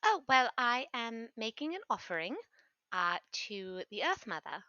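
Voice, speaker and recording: A woman playing a cheerful, scatterbrained adventurer in a tabletop game, chatty, polite and a little halting. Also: fairly high pitch, big pitch swings, bright, forceful tone, lo-fi sound, heavily acted. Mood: friendly, flustered.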